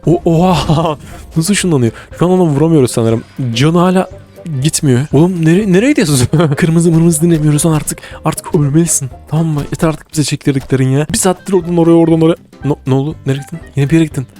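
Fast-talking excitable young-sounding man. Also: fairly high pitch, soft background music. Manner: excitable, rapid exclamations and repeated urgent words. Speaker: gaming video creator. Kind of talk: live gameplay commentary.

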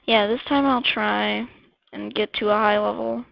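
A woman giving casual gameplay commentary, rambling and excitable, blurting out weapon names as she plays. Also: medium pitch, unhurried, creaky, no room sound. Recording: dull lo-fi dry mic.

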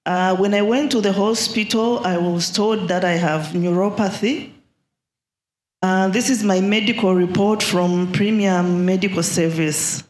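A middle-aged woman from Zambia giving a halting healing testimony in church, speaking into a handheld mic. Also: medium pitch, a little mellow, a little hiss or hum. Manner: slow and halting, with many pauses. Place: large church hall. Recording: echoey hall.

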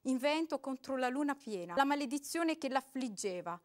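A woman giving an expressive, dramatic reading of a short story aloud. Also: high-pitched, moderate pace. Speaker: reader.

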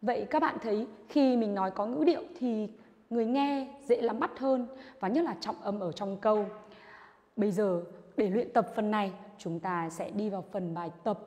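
A woman teaching an English lesson to primary school children, drilling words slowly and with emphasis. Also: medium pitch, darkish tone. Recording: reverberant room sound.

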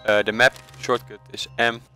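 A man from the Netherlands narrates a screen-recorded game tutorial in a casual, Dutch-accented voice that's medium in pitch, fairly level, and sharp, at a moderate pace. He hesitates a lot, filling gaps and correcting himself. Faint music plays behind him.

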